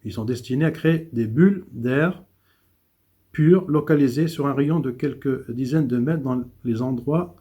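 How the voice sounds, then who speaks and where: Husky man reading news commentary. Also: medium pitch, measured pace, warm tone. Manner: reads with small stumbles and restarts.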